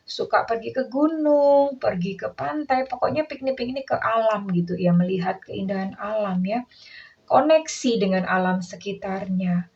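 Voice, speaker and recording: A woman's voice: mid-range voice, normal speed, creaky, darkish tone. A woman giving a casual, chatty tarot reading, slipping English phrases into her talk and acting out quoted lines. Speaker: tarot reader. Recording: distant, dull lo-fi mic with faint noise.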